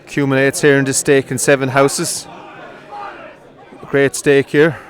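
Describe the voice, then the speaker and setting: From an outdoor field, a man gives live greyhound coursing commentary in a mid-range voice, with a faint crowd audible. His calls are brisk and grow excited as the runs happen.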